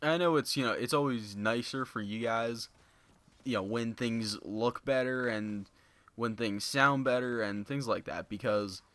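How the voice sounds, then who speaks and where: Speaking at a measured pace and medium pitch, this young man offers unscripted commentary to his gaming YouTube audience. He's monotone and rambling, leaning on fillers like "you know," and his cheap home microphone picks up no echo.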